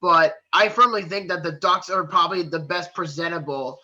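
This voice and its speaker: A man's voice: high-pitched, normal speed, bright, forceful tone. A man co-hosting a casual sports podcast, giving his opinions firmly. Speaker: podcast co-host. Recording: dull lo-fi stream audio.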